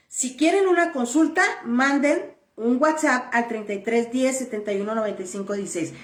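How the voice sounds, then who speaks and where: Recorded from a distance in a roomy, echoing space, a woman with a somewhat high voice answers viewers' questions about immigration papers in a direct-to-camera advice video. She is firm and blunt, stating her key points plainly and repeating them again and again.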